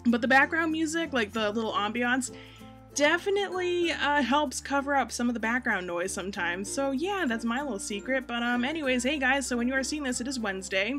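A woman's voice: sits high, expressive, fairly quick, fairly bright tone. A young American woman giving casual, rambling, self-deprecating voice-over commentary as a gaming YouTuber. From United States. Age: young adult. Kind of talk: casual chatty voice-over commentary on game footage. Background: music.

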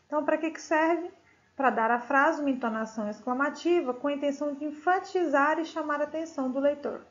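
High-voiced Brazilian woman teaching Spanish. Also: brisk. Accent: Brazilian Portuguese. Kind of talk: recorded remote class, explaining a text. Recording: dull lo-fi recording.

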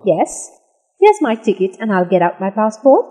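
A woman reading the lines of a scripted English lesson dialogue, slowly and with careful enunciation. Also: medium pitch, sing-song, warm tone, big-room sound. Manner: slow, careful, clearly enunciated delivery.

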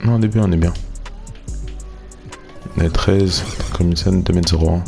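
Deep-voiced man commenting on gameplay. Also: moderate pace, vocal fry, faint music behind. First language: French. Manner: chatty, thinks aloud, excited chanting during pack openings. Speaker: gaming YouTuber.

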